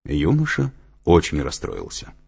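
A man narrating a novel as an audiobook, expressive and story-driven. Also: rumbling low, a little slow, gravelly, breathy edge. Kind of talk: scripted narration.

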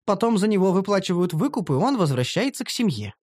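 A haughty young elf noblewoman, put on by a male audiobook reader, her voice lifted high and prim. She talks in stiff, formal, offended phrases, with a lively swooping pitch. The sound is dry and close. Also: fast talker, no echo. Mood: indignant. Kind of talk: audiobook character voicing.

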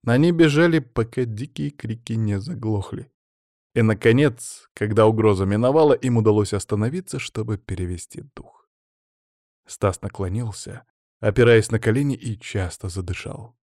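Low-voiced male audiobook narrator. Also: a little mellow, dry recording, clean studio sound. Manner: measured storytelling. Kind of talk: scripted narration.

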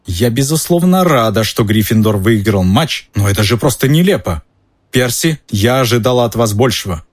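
A man voicing a strict, indignant elderly female professor in a storybook reading, with a sharp, scolding manner. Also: medium pitch, lively intonation, moderate pace, natural voice.

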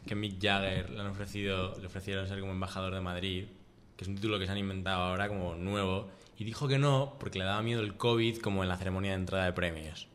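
Man, bright forceful voice, chatty banter. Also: sits low, flat delivery, fast talker, few pauses. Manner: chatty, tells news asides. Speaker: guest. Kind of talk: casual banter.

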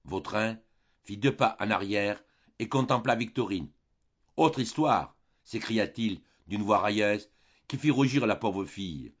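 Lecteur de livre audio posé et régulier, timbre rauque, prise terne. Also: male voice, on the low side, unhurried, dull audio. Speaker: audiobook reader. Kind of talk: literary audiobook narration.

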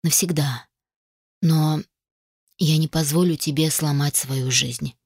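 A woman voicing a dying young male mage with a hoarse, quiet, grave voice. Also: fairly even intonation, slow pace, no room sound, studio quality, heavily acted. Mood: grave, tender. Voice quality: hoarse, low.

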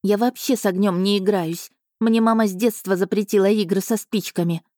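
A woman's voice: steady tone, fairly quick, darkish tone, no room sound, clean studio sound, close to an everyday voice. A woman reading an audiobook voices a nervous, bewildered young heroine who protests in a slightly raised voice. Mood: flustered. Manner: higher, flustered and protesting.

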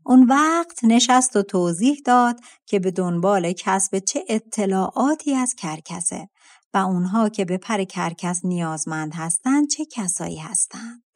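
A woman narrating a fairy-tale audiobook in a calm, measured storytelling voice. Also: medium pitch.

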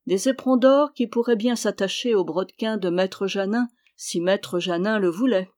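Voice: medium pitch, moderate pace, darkish tone, lightly acted. A reader voicing an impudent, mocking male dwarf jester in an audiobook, cheeky and teasing, speaking in riddles. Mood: sly. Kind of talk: audiobook character reading.

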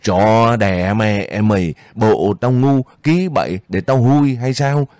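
A man voicing a hoarse, arrogant rich male industrialist who barks at his captors. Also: lowish voice, takes it slowly, darkish tone, no room sound, clean studio sound. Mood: angry. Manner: arrogant, barking.

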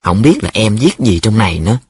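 Brief: a man acting a hesitant, defensive young male student, husky, audiobook character. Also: fairly low pitch, very animated, brisk, darkish tone, dry recording, heavily acted.

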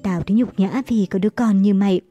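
A woman's voice: mid-range voice, quick pace, warm tone, lo-fi sound, faint music behind, close to an everyday voice. A woman voicing a stern, hot-tempered old father who scolds his son with scorn, in a storybook reading. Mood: scornful. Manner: scornful, angry.

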